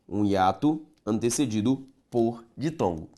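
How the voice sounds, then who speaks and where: A man's voice: mid-range voice, expressive, a little slow, dark tone. A man teaching a grammar lesson, stretching key words and checking in with the viewer.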